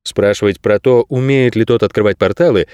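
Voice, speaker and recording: A man narrating an audiobook in a steady, expressive storytelling manner. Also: fairly low pitch, brisk, smooth, dry recording, studio quality. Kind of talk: scripted narration.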